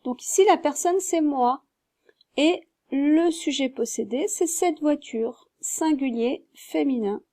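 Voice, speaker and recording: A woman gives a French grammar lesson in a high, mellow voice, walking through each example patiently and spelling words letter by letter. The recording is dry and close, with no room sound. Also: takes it slowly, dry recording. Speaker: French teacher.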